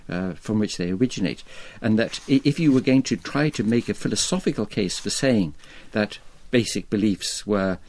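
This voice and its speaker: A man taking part as a guest on an academic panel, talking eagerly with many halting restarts. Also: lowish voice, darkish tone, no echo.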